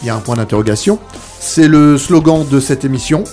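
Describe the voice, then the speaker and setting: A man's voice: mid-range voice, fairly quick, dark tone. A man hosting a radio show, presenting from a script. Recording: music bed under voice.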